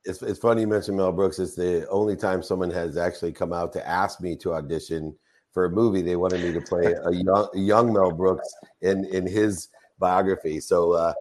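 A male co-host in casual chat, affable and quick with his interjections. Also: low voice, steady tone, a little mellow.

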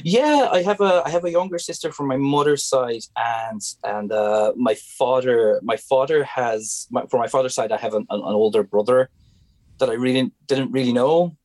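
A man's voice: mid-range voice, normal speed, darkish tone, no echo. A young man from Hungary, a native Hungarian speaker with a Hungarian accent, talking as a guest in a casual interview and often restarting his sentences as he searches for words.

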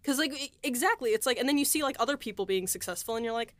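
Very fast and with lively intonation, a young woman with a fairly high voice gushes through a casual, reflective group chat, her hesitant phrasing peppered with "like". She's a young adult who co-hosts, writes and produces a podcast, and the recording is dry.

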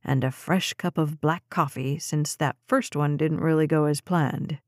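A woman reading the lines of a steady, caring male police officer, calm and measured. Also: deep voice, dry recording, clean studio sound, pitched below the performer's own voice. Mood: matter-of-fact.

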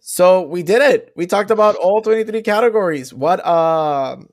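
A man's voice: high voice, moderate pace. A man, a guest film reviewer, chatting casually about award picks and laughing easily.

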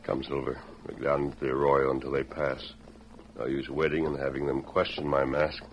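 An upright masked western hero in a radio serial. His voice is extremely deep and commanding, with deliberate heroic phrasing. The old recording is dull and noisy. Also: monotone. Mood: watchful, urgent.

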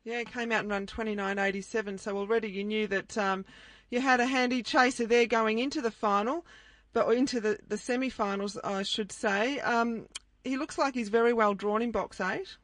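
A woman's voice: fairly high pitch, steady tone, normal speed, a bit bright, no room sound. An Australian woman co-hosting a racing radio show, interviewing and giving tips. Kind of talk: sports radio interview and tipping.

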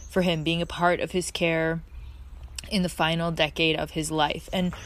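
A woman's voice: low voice, flat delivery, moderate pace, fairly bright tone. A woman hosting a casual, reflective podcast from her backyard, speaking in an earnest, effusive way. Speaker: podcast host. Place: outdoors in a backyard.

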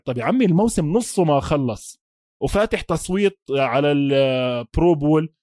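A man's voice: on the high side, a little mellow, dry recording, clean studio sound. A man with a Palestinian-Jordanian Levantine Arabic accent co-hosting a casual sports discussion, mixing English sports terms into his Arabic. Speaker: sports podcast host.

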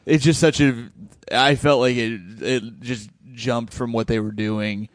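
A man co-hosting a podcast in casual chat, halting and loose, swearing now and then. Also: medium pitch, fairly even intonation, dry recording. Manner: casual, hesitant, restarts, swears lightly. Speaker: podcast co-host.

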